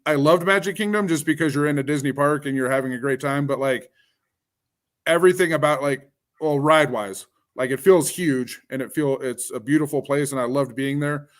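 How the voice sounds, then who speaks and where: A man's voice: a little high, brisk. A man in casual live-stream chat, rambling with frequent restarts and fillers.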